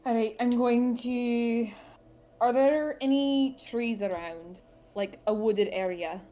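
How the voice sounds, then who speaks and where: A woman player in a tabletop game session over voice chat, speaking at a slightly higher pitch. She delivers her lines dry and deadpan, keeping her replies short. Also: takes it slowly. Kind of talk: casual chat.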